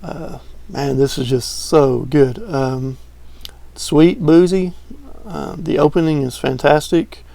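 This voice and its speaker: Casual fragrance vlogger, male, gravelly and flat delivery, dry close sound. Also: a little high, slow pace, no room sound. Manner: relaxed, rambling, many fillers. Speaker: fragrance reviewer. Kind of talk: casual video review.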